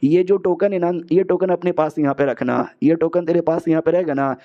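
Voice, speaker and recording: A man's voice: a little high, steady tone, brisk, natural voice. A man voicing a commanding female sect leader who gives brusque orders, heard as a dull lo-fi recording.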